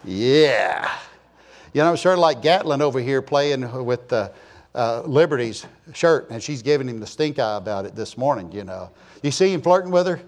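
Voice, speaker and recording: A sixty-something preacher addresses his church with a medium-pitched, animated voice at a moderate pace. The sermon wanders in a homespun way, peppered with humor, stories, and friendly asides to the congregation.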